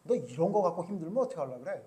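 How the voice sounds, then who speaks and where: A man's voice: on the high side, animated, rapid-fire, warm tone, pitched below the performer's own voice, lightly acted. A male pastor voicing God as a stern, demanding figure who challenges a prophet with blunt, chiding questions during a sermon.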